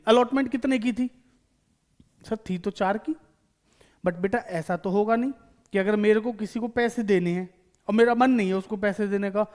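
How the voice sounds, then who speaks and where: A man teaching accountancy in a lecture, explaining each step and asking and answering his own questions to the students. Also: high voice. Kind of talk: classroom lecture.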